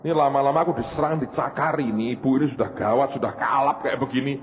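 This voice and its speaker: A man voicing an unjust judge who is exasperated and worn down, grumbling fast. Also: mid-range voice, pitched below the performer's own voice, lightly acted. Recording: echoey hall on a tinny line.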